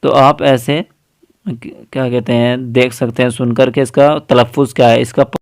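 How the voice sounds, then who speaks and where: A man talks slowly through a phone app tutorial, one step at a time, and pauses often on small fillers. His voice is smooth and resonant. It is recorded close and dry, with no room sound. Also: medium pitch, flat delivery, no echo. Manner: patient step-by-step explaining, frequent fillers. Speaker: tutorial host.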